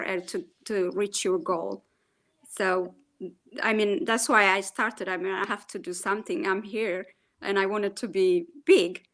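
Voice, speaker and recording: Ethiopian-accented woman guest. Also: medium pitch. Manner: warm, hesitant, frequent "um" and soft laughs. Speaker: guest, small business owner. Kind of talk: casual interview chat.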